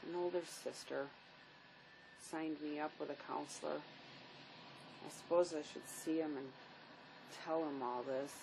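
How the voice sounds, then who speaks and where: A woman acts, in stage-style drama, a weary divorced mother grieving her young son, world-weary, subdued and bitter. Her low voice stays steady and measured, with vocal fry and long pauses, in a noisy amateur recording.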